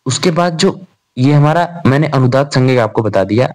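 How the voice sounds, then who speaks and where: A man's voice: medium pitch, lively intonation, normal speed, darkish tone. A young man giving an informal revision lecture on grammar. He talks in a chatty way, calls the students "bhai", and asks and answers his own questions. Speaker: Sanskrit grammar tutor.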